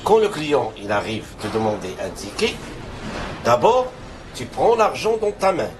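A man's voice: mid-range voice, big pitch swings, unhurried. An actor playing an earnest shopkeeper father in a film comedy, explaining things emphatically and repetitively. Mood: earnest instructing. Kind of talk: naturalistic film comedy acting. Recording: film scene with faint background noise.

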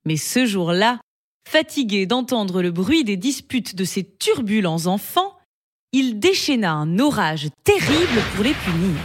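A woman narrating a children's story in an expressive, melodic reading. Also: mid-range voice, a little slow. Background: background music.

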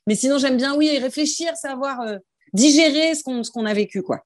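A woman's voice: high-pitched, brisk, no room sound, studio quality. A woman singer answering interview questions into a phone held in her hand, thoughtful and hesitant, with many fillers and restarts. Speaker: singer guest.

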